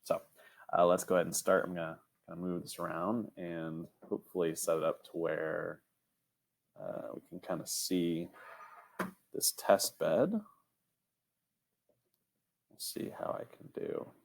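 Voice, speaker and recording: A young man teaching an online robotics lesson in a casual, rambling way, often checking in with "right?" and filling pauses with "um". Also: low voice, level tone, gravelly. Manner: casual, filler-heavy, frequent "right?" checks.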